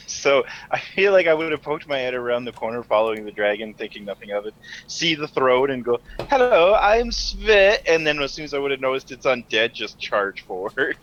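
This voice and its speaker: A man's voice: mid-range voice, fairly quick, fairly bright tone. A man playing a tabletop game, chatting casually about what his character does. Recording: dull lo-fi sound, faint noise.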